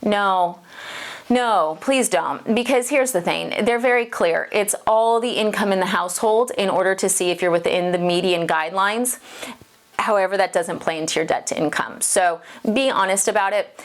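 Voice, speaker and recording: A middle-aged woman explains home loans in a casual, emphatic video. She talks straight to her viewers, and a lingering cold leaves her slightly out of breath. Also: mid-range voice. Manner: chatty, emphatic, addresses viewers directly. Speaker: mortgage loan officer.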